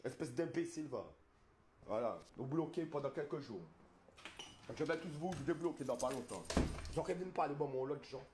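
A man's voice: fairly high pitch, moderate pace, roomy sound, background noise. A man streaming live, ranting in a rambling, insulting way with garbled phrasing. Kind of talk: street livestream rant.

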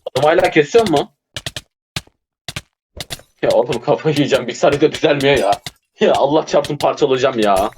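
A man playing an online game with a teammate, swearing constantly and shouting in frustration. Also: mid-range voice, moderate pace, long pauses, a little hiss or hum. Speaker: gamer streamer. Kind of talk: casual gameplay chat with teammate.

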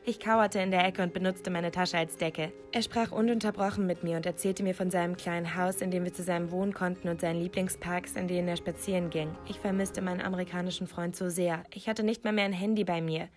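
A woman reading a scripted first-person story aloud, dramatic and emotive, her pitch rising sharply at tense moments. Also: fairly even intonation, quick pace, few pauses, soft background music.

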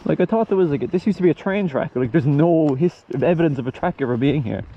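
A man's voice: a little high, expressive, quick pace, a crowd in the background. An Irish man bantering casually outdoors in a wry, sweary way. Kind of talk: casual banter while walking. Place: outdoors on a woodland path. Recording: dull muffled audio, faint outdoor noise.

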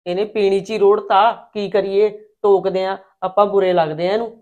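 A woman's voice: mid-range voice, steady tone, moderate pace, phone-quality sound, lightly acted. A woman playing a tired, fed-up wife and mother who complains and scolds. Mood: weary. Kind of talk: village short-film acting.

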